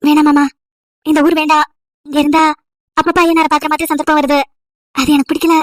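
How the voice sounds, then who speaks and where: A woman's voice: high voice, level tone, brisk, no echo. A woman storyteller voicing a sad, devoted young wife who pleads earnestly and tenderly. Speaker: storyteller voicing all parts.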